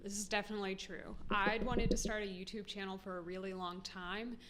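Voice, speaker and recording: A woman's voice: medium pitch, steady tone, fairly quick, very noisy. An American woman vlogging to camera, chatty and self-deprecating, often laughing. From United States. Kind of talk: casual talk to camera.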